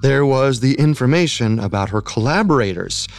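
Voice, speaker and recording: A man narrating a true crime podcast in a measured, dramatic scripted style. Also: medium pitch, expressive, soft background music.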